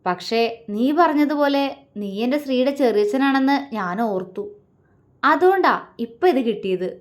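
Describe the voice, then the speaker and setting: A woman's voice: high-pitched, animated. Woman reading a sneering young man taunting his foe. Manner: sneering, taunting, slow and deliberate. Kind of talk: storybook reading.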